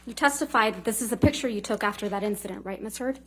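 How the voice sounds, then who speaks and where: A woman's voice: mid-range voice, fast talker, a little hiss or hum. A woman lawyer cross-examining a witness in a courtroom, firing clipped, leading questions that often end in a short tag.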